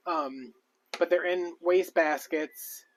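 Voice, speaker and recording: Rambling, chatty man, slightly high. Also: fairly even intonation, slow pace, a little hiss or hum. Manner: rambling, chatty, many fillers. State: out of breath. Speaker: crafting vlogger. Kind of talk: casual live-stream chat.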